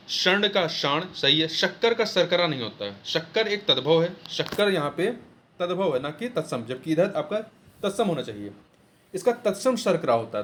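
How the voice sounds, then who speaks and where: Going through exam questions one at a time, a male teacher explains Hindi exam answers, repeating key words and posing and answering his own questions. His voice is fairly high, with a little hiss or hum in the background.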